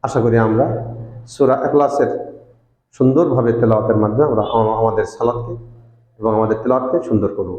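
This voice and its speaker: A man teaching correct Quran recitation to viewers, explaining grammar terms and chanting verses slowly to show pronunciation. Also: medium pitch, warm tone, reverberant, poor audio. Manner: addresses viewers directly. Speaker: Islamic teacher. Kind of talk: religious lesson on Quran recitation.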